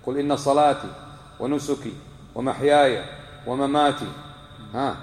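A man's voice: mid-range voice, moderate pace, slight background noise. A man giving a religious lesson to a live class, quizzing his listeners and repeating key points for emphasis. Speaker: religious teacher. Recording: echoey hall with long reverb.

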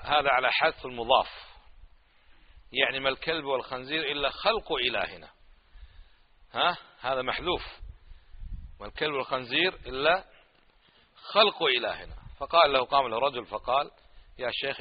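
Fast-talking preacher man, argumentative. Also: medium pitch, big-room sound, muffled recording. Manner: argumentative, rhetorical questions, mocking tone. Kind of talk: religious lecture.

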